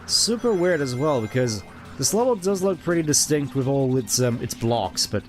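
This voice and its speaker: A man's voice: mid-range voice, sing-song, normal speed. A man giving casual live game commentary as a streamer, musing and rambling wryly. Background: game music.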